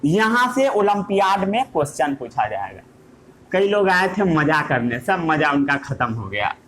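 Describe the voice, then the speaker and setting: A man's voice: a little high, sing-song, a little slow, noisy background. A man teaching a lesson, asking questions and answering them himself in a playful way. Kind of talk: classroom lesson.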